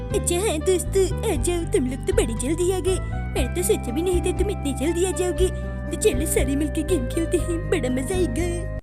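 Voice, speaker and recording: A man voicing a cheeky little cartoon boy over gameplay, with a squeaky voice that turns whiny when he is scared. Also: moderate pace, over loud music. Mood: cheerful.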